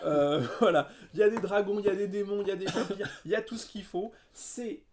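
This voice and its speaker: A man's voice: high-pitched, a little mellow. A man co-hosting a podcast, chatting enthusiastically and playfully about tabletop games. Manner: enthusiastic, playful, quick asides. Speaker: podcast co-host.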